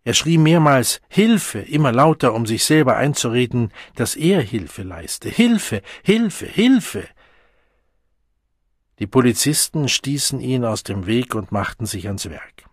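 A man narrating a novel aloud as an audiobook reader, in a measured, deliberate way. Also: medium pitch, slightly rough, no room sound, clean studio sound. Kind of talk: scripted narration.

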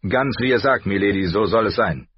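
A man voicing a burly, blunt male lord who speaks slowly and gruffly. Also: fairly low pitch, no echo, muffled recording. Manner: slow and gruff.

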